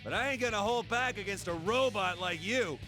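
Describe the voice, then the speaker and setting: A man voicing a hot-tempered teenage delinquent boy with a gruff, brash delivery. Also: sits high, moderate pace, music in the background, voice pushed up, natural voice.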